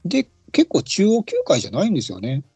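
A man's voice: a little high, fast, breathy edge, dry recording. A man hosting a casual baseball podcast chat, leading the talk and asking his co-hosts questions. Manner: lively, leads the talk, asks co-hosts questions. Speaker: podcast host.

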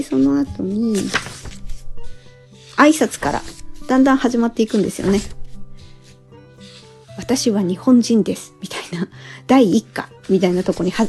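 Woman podcast host, relaxed chatty solo talk, lots of little pauses, soft music low behind her. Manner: relaxed and chatty, thinks aloud with many pauses.

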